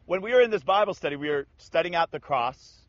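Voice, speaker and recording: Male Bible teacher, casual and animated, high voice, muffled lo-fi recording. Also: fast. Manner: animated, acts out scripture in slangy voices. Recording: dull lo-fi sound.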